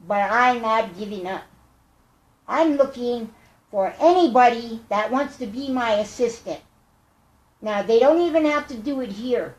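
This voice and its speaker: An older woman with a squeaky, chipmunk-like helium voice, speaking earnestly and haltingly in a rambling personal monologue. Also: a little mellow, highs cut off. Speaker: vlogger. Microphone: tablet microphone. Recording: echoey room.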